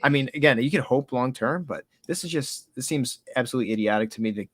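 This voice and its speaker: Fast, profane, agitated man ranting. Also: mid-range voice, fairly bright tone, husky, no room sound. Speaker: co-host of a markets show. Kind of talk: casual market chat.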